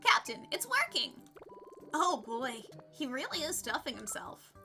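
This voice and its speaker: A woman's voice: sits high, a little slow, gravelly, music in the background, exaggerated voice. Woman reading as an eager spaceship crewmate. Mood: excited. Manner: earnest, excited dialogue reading. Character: eager friendly crew member on a spaceship.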